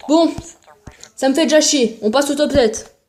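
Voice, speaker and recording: A young woman with a fairly high voice rants casually on her channel. She mocks other creators, makes jokes and plugs her own videos. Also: normal speed, darkish tone. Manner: mocking, jokey, self-promoting. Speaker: YouTuber. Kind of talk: casual ranting commentary.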